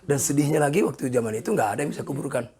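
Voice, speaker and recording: A pastor in his sixties preaching a sermon, animated and joking with the congregation, with a gravelly, husky voice. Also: medium pitch, very fast. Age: 60s. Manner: animated, jokes with the congregation, voices people in quoted asides.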